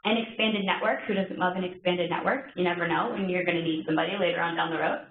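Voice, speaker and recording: A woman's voice: fairly low pitch, steady tone, quick pace. Upbeat woman presenting in an echoey room. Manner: upbeat, chatty, self-joking. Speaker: HR trainer presenting a program. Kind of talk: informational session presentation. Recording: echoey room, phone-like lo-fi sound, faint noise.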